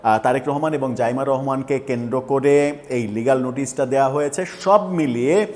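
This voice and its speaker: A man giving solo political commentary, pausing often with filler sounds as he works through his points. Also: medium pitch, darkish tone, in a large hall. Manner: hesitant, many filler sounds.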